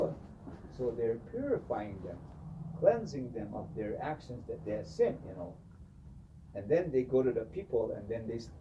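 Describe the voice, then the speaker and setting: A man telling a traditional story in an animated way, often saying "you know". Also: lowish voice, dull audio, a little hiss or hum. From Hopi. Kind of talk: oral storytelling. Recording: distant mic with faint ambience.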